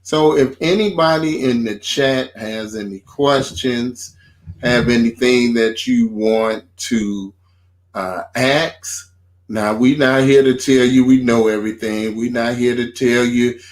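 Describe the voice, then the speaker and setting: On a faith talk show, a male co-host with a mid-range voice and fairly even intonation speaks in a casual preaching tone. He stays informal and builds his arguments slowly, leaning on repeated phrases.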